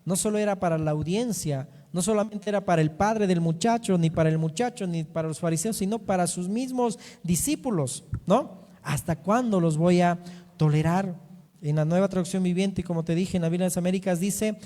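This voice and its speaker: High-voiced pastor preaching in a hall. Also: male voice, a little fast, mellow. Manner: teaching, reading and explaining scripture; asks rhetorical questions, often ending with "¿no?". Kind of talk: sermon. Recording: reverberant hall sound.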